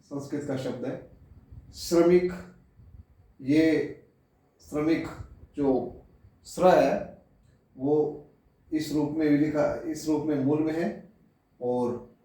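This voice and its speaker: A man giving a slow classroom lecture on pronunciation, explaining word by word and addressing his listeners directly. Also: on the high side, darkish tone. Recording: echoey room, voice from far off.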